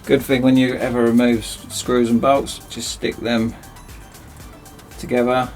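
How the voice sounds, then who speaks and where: A man's voice: mid-range voice, little pitch movement, a little slow, a little mellow, faint music behind. A man chatting casually and self-mockingly as he rambles through a DIY project in his cramped home workshop. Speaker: DIY video host.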